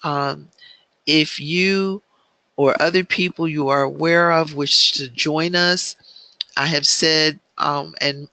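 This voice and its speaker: A man teaching an online business planning class, speaking in a measured way with frequent filler ums. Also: fairly high pitch, fairly even intonation, sharp tone, dry recording.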